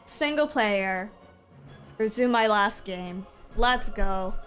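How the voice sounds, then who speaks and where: A woman's voice: mid-range voice, lively intonation, takes it slowly, fairly bright tone, faint music behind. A woman livestreaming in a casual, chatty way, rambling along and often repeating her phrases as she talks to viewers. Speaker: streamer and VTuber content creator. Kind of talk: casual livestream chat while gaming.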